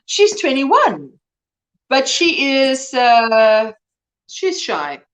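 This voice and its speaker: A woman's voice: sits high, wildly swooping pitch, very slow. A woman in her early fifties hosting a live crochet chat. She talks casually, reads and answers viewers' comments, and laughs often. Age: 50s.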